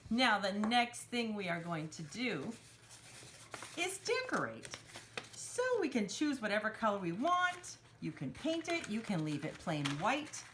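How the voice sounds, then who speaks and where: Hosting kids' craft time, a woman with lively pitch demonstrates a craft step by step for young children. She uses simple instructional phrasing and talks about herself in the third person. The background is noisy.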